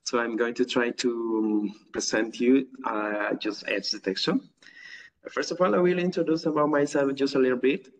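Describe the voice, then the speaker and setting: A man's voice: medium pitch, fairly even intonation, normal speed. A man from Ecuador, giving an online academic talk over a video call with many fillers and restarts. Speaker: guest lecturer. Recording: distant, dull video call audio.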